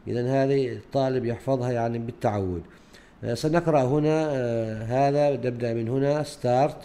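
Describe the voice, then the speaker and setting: A man with a Gulf Arabic accent teaching a grade-four English unit in a recorded lesson walkthrough, mixing Arabic explanation with English words and pausing often with fillers. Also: medium pitch, warm tone. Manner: switches between Arabic explanation and English words, many hesitations.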